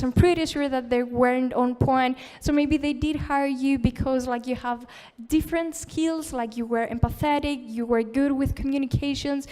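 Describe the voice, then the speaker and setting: At a tech conference, a woman with a high-sitting yet dark-toned voice delivers a live talk in the conference hall. She's informal and encouraging, peppering her speech with "like" and "uh."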